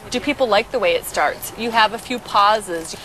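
A woman's voice: mid-range voice, normal speed, bright, forceful tone, low-quality recording. Woman explaining a car outdoors. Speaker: automaker manager. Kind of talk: explaining a product on camera. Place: outdoors by a car on a city street.

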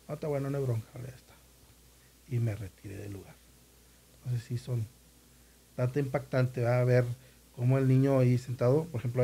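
Husky man telling a story. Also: mid-range voice, warm tone. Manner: vivid retelling, acts out quoted voices. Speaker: former newspaper reporter, podcast guest. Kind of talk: casual storytelling chat.

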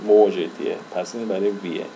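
Low-voiced man teaching slowly. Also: fairly even intonation, dark tone, slight background noise, rough recording. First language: Persian. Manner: explains slowly, repeats and drawls example words. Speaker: language teacher. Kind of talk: casual spoken lesson.

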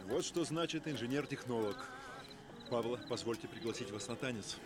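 An actor playing a gallant army major in a war film, speaking politely and formally. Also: male voice, mid-range voice, moderate pace, loud music behind the voice, natural voice. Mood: admiring. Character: courteous, gallant army major charming a woman. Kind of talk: naturalistic war film acting. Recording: distant voice, loud outdoor noise.

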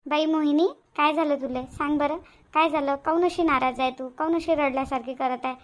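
A woman's voice: sits high, steady tone, brisk, close to an everyday voice. A woman with a Varhadi Marathi accent voicing a stern, protective village mother pressing her daughter with questions. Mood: worried questioning.

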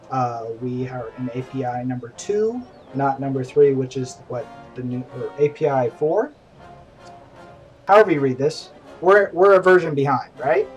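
Casual and self-deprecating, the middle-aged man chats his way through a game stream recorded at home, his voice sitting in the mid range. He is heard from a distance from the mic in a rough recording, with faint music in the background.

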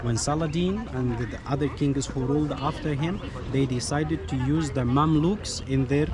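A man's voice: a little high, moderate pace, crowd noise. A man in his thirties from Egypt with an Egyptian accent, a tour guide patiently explaining history and repeating key words. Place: sunny outdoor courtyard by a mosque. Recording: outdoor street noise behind.

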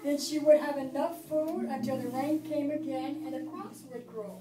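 A far camera records a middle-aged woman from a distance in an echoey church classroom as she reads a Bible story to preschoolers and prompts them to join in. Her voice sits high and her pace is moderate.

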